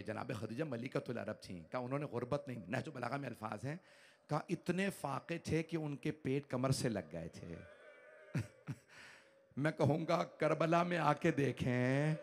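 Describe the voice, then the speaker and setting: A man delivering a mourning sermon as a cleric, swinging from hushed storytelling to loud lamenting, at a large outdoor gathering on a stage microphone. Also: medium pitch, a little hiss or hum. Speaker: Shia cleric delivering a majlis.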